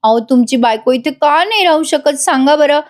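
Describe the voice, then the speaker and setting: A woman's voice: high-pitched, lively intonation, moderate pace, pitched above the performer's own voice. A woman reading the lines of a sweet, teasing young wife who coaxes her husband. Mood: coaxing. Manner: coaxing, sweet, playful.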